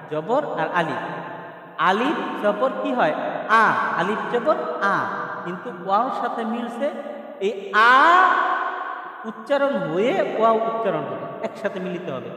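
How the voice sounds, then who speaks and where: A man's voice: high voice, lively intonation, moderate pace, a bit bright, recorded from a distance. Man chanting letter drills in an echoey hall. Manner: drills letter sounds in a repetitive, chanting call-and-answer. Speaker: Quran reading teacher. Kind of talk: Quran reading lesson.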